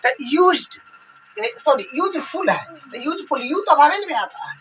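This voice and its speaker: Woman, grammar teacher, high bright voice, repeats each rule. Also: sing-song, recorded from a distance, a little hiss or hum, poor audio. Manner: slow, repetitive explaining. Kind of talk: grammar lesson explanation.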